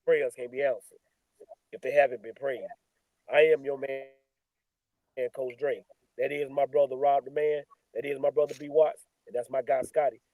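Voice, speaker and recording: Folksy, flat-toned host signing off. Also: male voice, mid-range voice, moderate pace, dry recording, low-quality recording. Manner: folksy, repeats phrases like a preacher. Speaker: show host. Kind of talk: closing sign-off, preachy and uplifting.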